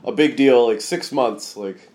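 An American man chatting casually as a podcast guest in a laid-back stoner manner, high and a little tired. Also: a little slow, darkish tone. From Michigan, United States. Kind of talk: casual chat.

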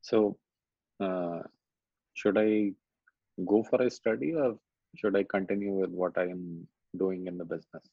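A man with a North Indian accent talks conversationally about his own life in a halting, hesitant way. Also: sits low, fairly even intonation, vocal fry, slightly rough. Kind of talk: conversational coaching discussion. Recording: dull, roomy, lo-fi recording.

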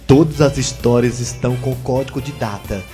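A man hosting a comedy radio show, announcing loudly and joking. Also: mid-range voice, moderate pace, faint music behind. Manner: loud, jokey, hyped announcing.

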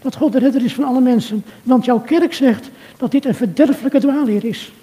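Older man, very dark voice, echoing hall. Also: extremely high pitch. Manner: earnest, measured, addressing the listener directly. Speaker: speaker at a church conference. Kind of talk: reflective sermon talk addressed to a listener. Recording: long reverb of a hall.

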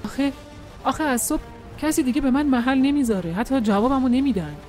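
A young soldier who has lost his comrades' trust speaks to a friend, soft and earnest, as a woman narrator voices him. His voice sits fairly high for a man, and faint music runs behind this audiobook scene. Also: lightly acted. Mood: pleading. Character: young male soldier comrade, remorseful and pleading.

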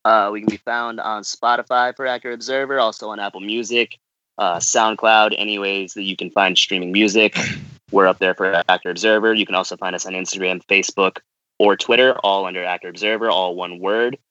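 A man's voice: lowish voice, steady tone, a little fast, sharp tone, no echo, lo-fi sound. A man casually giving plugs as a podcast guest. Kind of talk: casual plug.

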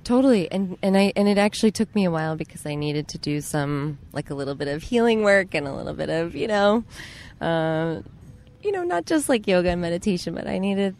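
A woman guest in a casual interview outdoors in a park, talking in a reflective, halting and agreeable way. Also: on the low side, lively intonation, darkish tone. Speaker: podcast guest, yoga teacher.

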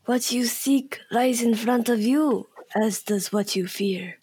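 A woman voicing a ghostly male villain who guards a treasure, slow and husky as if dying, in an amateur read-through. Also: fairly high pitch, dark tone, full character voice. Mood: ominous, solemn.

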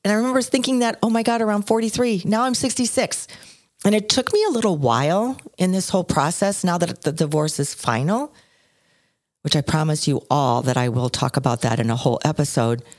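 A woman in her sixties, co-hosting a podcast and telling personal stories with lively swings in her voice. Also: fairly quick, no room sound, studio quality. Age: 60s. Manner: expressive storyteller, swings between low and high pitch. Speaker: podcast co-host. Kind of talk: casual chat.

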